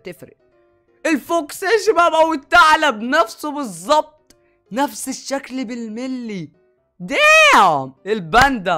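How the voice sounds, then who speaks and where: A young man with an Egyptian Arabic accent hosts a YouTube reaction video, his very high-pitched voice sharp in tone. He talks eagerly, exclaiming and repeatedly calling out to his viewers in excited commentary.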